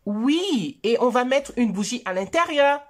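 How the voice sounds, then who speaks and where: A woman voicing a gentle, caring mother in a children's story, speaking softly and reassuringly. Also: fairly high pitch, lively intonation. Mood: warm. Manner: soft, reassuring, slow.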